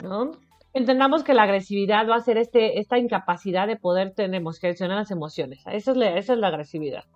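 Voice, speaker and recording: A woman with a Mexican Spanish accent speaks as an education expert on a radio show. She is earnest, repeats her words and keeps asking the listener rhetorical questions. Her voice comes through a little dull, with soft music underneath. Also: mid-range voice, fast talker. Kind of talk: radio advice talk. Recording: slightly muffled radio audio with faint music.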